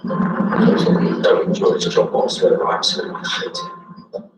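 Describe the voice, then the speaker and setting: A man's voice: a little slow, reverberant, far from the mic, music in the background, low-quality recording. A man in his fifties speaking bluntly and wearily in a documentary interview, with emphatic words. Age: 50s.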